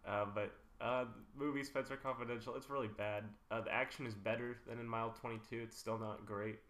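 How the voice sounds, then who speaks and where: A man's voice: mid-range voice, steady tone, brisk, fairly bright tone, roomy sound. A man co-hosting a film podcast, chatting casually and with strong opinions, trailing off into fillers. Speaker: podcast co-host.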